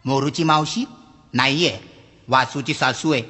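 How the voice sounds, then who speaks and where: A man playing a dry, unhelpful librarian who answers in a flat, deadpan way, a bit lower than his usual voice. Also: unhurried, long reverb tail.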